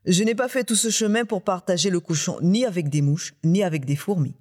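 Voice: mid-range voice, fairly quick, a little mellow, lightly acted. A storyteller voicing a greedy, hot-tempered tiger husband who blusters indignantly in a somewhat raised voice.

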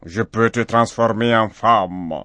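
A stern male tree spirit from a told folktale speaks slowly and solemnly, as a man puts it on. The sound is dry and close. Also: lowish voice, sharp tone, dry recording. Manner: slow, solemn.

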